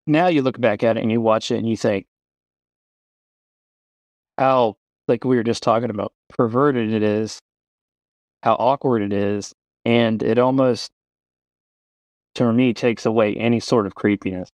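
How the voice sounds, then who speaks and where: A man's voice: medium pitch, steady tone, unhurried, pauses often, a little mellow, no echo. A younger man, a podcast guest, talking reflectively about films and hedging with fillers. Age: younger adult. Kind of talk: casual film discussion.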